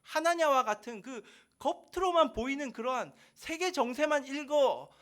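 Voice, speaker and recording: Earnest high-voiced man preaching. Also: animated, normal speed, a bit bright. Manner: earnest, emphatic, frequent affirming 'yes'. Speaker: pastor. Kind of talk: sermon. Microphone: video call.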